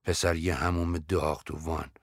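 A man voicing a breezy young man who talks offhand and teasing, in a very deep voice. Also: little pitch movement, dry recording, studio quality.

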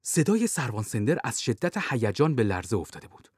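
A man narrating a thriller audiobook in a lively, expressive way. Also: mid-range voice, breathy edge, dry recording, clean studio sound.

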